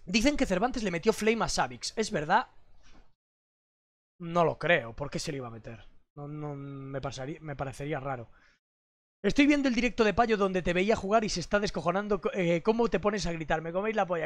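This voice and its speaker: A young man from streaming casually, crude and animated, swearing constantly as he talks to his chat. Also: on the high side, fairly quick, dry recording.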